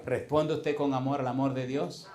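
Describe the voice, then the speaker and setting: A man's voice: medium pitch, little pitch movement, normal speed, darkish tone, echoey room. A middle-aged Dominican man preaching as a pastor, telling a playful story and asking the congregation rhetorical questions. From Dominican Republic. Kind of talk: sermon with storytelling.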